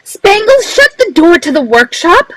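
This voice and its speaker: A woman's voice: very high voice, very animated, a little slow, fairly bright tone, no echo, exaggerated voice, rough recording. A woman playing a fussy, bossy Mrs. Santa. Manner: fussy, ordering helpers about. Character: busy, bossy Mrs. Santa running the workshop. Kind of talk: live radio-play reading.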